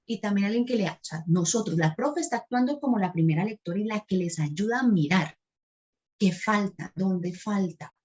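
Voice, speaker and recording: Animated Colombian woman giving a workshop. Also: mid-range voice, moderate pace, muffled recording. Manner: animated, acts out the children and teacher in quotes. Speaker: teacher trainer giving a workshop. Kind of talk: lecture retelling a classroom example.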